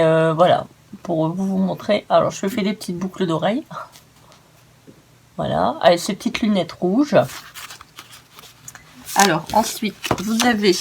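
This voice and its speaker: Woman, casual craft host, gushing and hesitant, mid pitch, faint noise behind. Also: fairly bright tone. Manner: chatty, hesitant, stumbles over words; gushing and enthusiastic.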